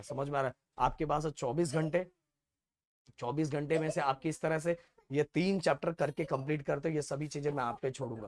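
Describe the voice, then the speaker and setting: A man's voice: a little high, dry recording. A man coaching students for exams, emphatic, repeating key phrases and often checking that they follow. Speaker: teacher. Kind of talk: exam strategy talk to students.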